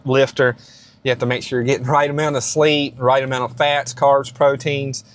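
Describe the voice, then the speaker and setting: Rambling, encouraging man in his thirties. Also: mid-range voice. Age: 30s. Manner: rambling, encouraging, frequent restarts and fillers. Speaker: fitness channel host. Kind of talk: casual advice vlog.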